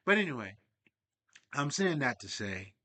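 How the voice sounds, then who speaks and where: A man's voice: mid-range voice, big pitch swings, unhurried, sharp tone. A young man talking in a casual, profane, rambling monologue as a spiritual vlogger. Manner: profane, streetwise, digressive.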